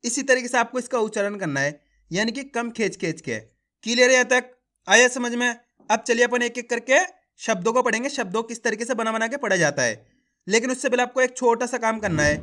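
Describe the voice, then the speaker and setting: A man's voice: extremely high pitch, fairly quick, pushed and bright. A man teaching a beginner reading lesson, calling viewers his friends and drilling syllables over and over.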